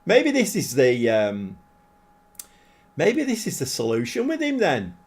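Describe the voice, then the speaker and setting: A man streams a football management game live, bantering casually with his viewers while poking fun at himself and getting excited easily. His voice sits in the mid range with a breathy edge.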